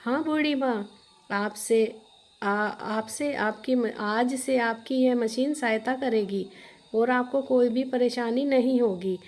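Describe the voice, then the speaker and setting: A gentle magical girl, put on by a woman narrator, raising her voice higher to comfort and explain. Patient and reassuring, with a storybook feel. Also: slow. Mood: soothing.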